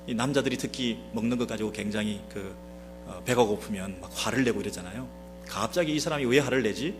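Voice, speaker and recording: A man's voice: on the low side, fairly quick, music in the background. A Korean man preaching a Sunday sermon as a pastor, speaking straight to the congregation with many rhetorical questions. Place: church sanctuary.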